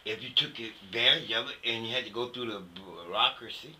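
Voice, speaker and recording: Speaking fairly quickly in a medium-pitched, sharp voice, an older American veteran of the Vietnam War reflects in a conversational interview. His opinions come out strong and plainspoken, often punctuated by "you know." Audio quality is poor, and faint noise sits underneath.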